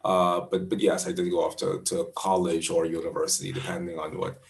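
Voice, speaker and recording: Deep gravelly Bahamian man in his twenties. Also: flat delivery, echoey room. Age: 20s. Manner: thoughtful, measured, restarts phrases. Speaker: astrologer interviewee. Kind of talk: conversational interview answers.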